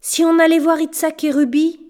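A woman's voice: very high voice, little pitch movement, normal speed, a little mellow, big-room sound, voice pushed up. A woman voicing an eager, plucky young street girl in a storybook reading.

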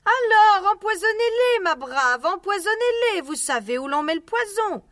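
A man reading aloud and voicing a bossy farmer's wife who gives orders in a shrill falsetto. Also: big pitch swings, moderate pace, bright, forceful tone, dry recording, studio quality, full character voice.

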